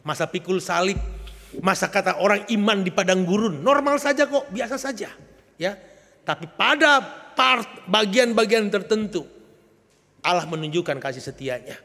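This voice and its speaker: Joking preacher with booming hall echo. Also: male voice. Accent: Indonesian. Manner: lively, joking preacher with sudden loud emphatic swells. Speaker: pastor. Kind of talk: sermon. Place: church sanctuary. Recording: long church reverb.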